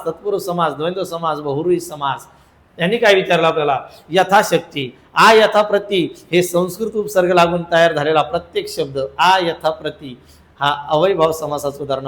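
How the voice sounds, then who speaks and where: A man's voice: a little high, echoey room, rough recording. A male teacher giving an exam-prep grammar lesson, drilling answers and repeating lists in a chant-like way.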